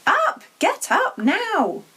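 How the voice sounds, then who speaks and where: A woman voicing a shrill, bossy, short-tempered aunt in a storybook, screechy, snapping and demanding. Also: huge pitch swings, very slow, sharp tone, heavily acted. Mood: screeching.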